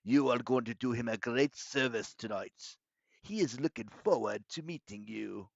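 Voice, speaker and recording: A man's voice: medium pitch, creaky, dry recording, muffled recording. A man voicing a menacing monster in disguise, pompous and condescending, in a storybook reading. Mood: sneering. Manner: pompous, condescending, deliberate villain delivery. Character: menacing, gloating male monster disguised as a schoolmaster.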